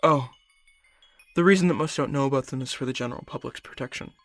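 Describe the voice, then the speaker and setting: In this audio roleplay, a male voice actor takes the part of a composed magical creature expert who talks straight to the listener over background music. Speaking at medium pitch in a near-everyday voice, he coaches and persuades with steady confidence.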